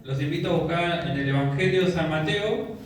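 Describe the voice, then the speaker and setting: Male preacher, high pitch, far-off mic in a very echoey church hall. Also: slight background noise. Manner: measured, repeats passages and directions for the congregation. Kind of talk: sermon with scripture reading.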